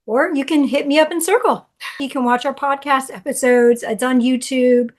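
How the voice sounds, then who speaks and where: A woman's voice: sits high, fairly even intonation, moderate pace. A woman guest in a casual interview, talking earnestly and encouragingly, with frequent fillers. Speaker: interview guest, law association chapter director.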